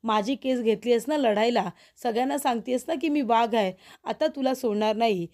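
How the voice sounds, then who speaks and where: A woman's voice: a little high, fairly quick, a little mellow, natural voice. A woman voicing a young woman's violent second personality in a retold TV serial, reading threats in a plain voice. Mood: menacing.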